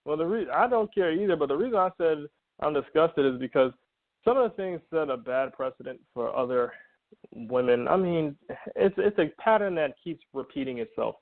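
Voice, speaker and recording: A man co-hosting a podcast, animated and indignant as he recounts celebrity news in casual chat. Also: on the high side, normal speed. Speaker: podcast co-host. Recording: tinny phone line.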